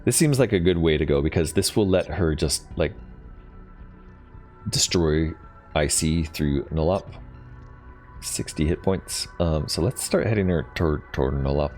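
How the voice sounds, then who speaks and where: A man's voice: rumbling low, measured pace, long pauses, darkish tone, faint music behind. A man casually thinking aloud while playing a strategy game, with lots of ums and hesitations. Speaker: gaming channel host. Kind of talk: casual let's play commentary.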